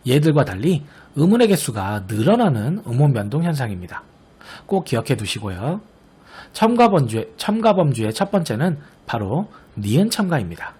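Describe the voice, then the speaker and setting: A man teaching an online grammar lesson. He explains patiently, sounds out example words slowly, and often checks that the class is following. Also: mid-range voice, darkish tone, slightly rough. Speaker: Korean language teacher.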